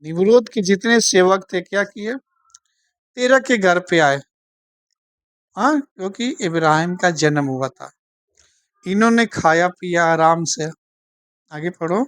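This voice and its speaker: A woman teaching a Bible study, speaking slowly and checking in with her listeners after almost every point. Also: fairly low pitch, no echo, studio quality. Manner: slow, keeps asking "theek hai na?".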